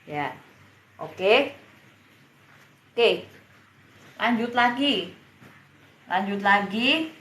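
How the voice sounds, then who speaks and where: A woman's voice: mid-range voice, pushed and bright, reverberant. A woman teaching a beginner language class on a live stream, who patiently repeats each word and drills its pronunciation. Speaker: Mandarin teacher.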